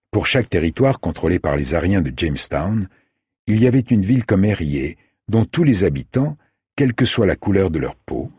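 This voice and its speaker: A man narrating an audiobook in a measured, even reading style. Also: sits low, slightly rough, dry recording, clean studio sound.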